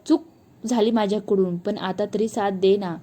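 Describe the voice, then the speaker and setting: A woman's voice: medium pitch, steady tone, normal speed, dark tone, lightly acted. A woman narrator voicing a frightened young wife who pleads through tears, in a storybook telling. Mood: pleading tearful. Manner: pleading, tearful.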